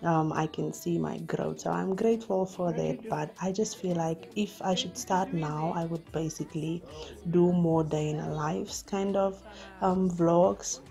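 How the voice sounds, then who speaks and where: A woman in her thirties talking through her day as a vlogger in a relaxed, thoughtful way, with lots of fillers. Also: lowish voice, measured pace, creaky, soft background music. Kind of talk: casual voice-over narration.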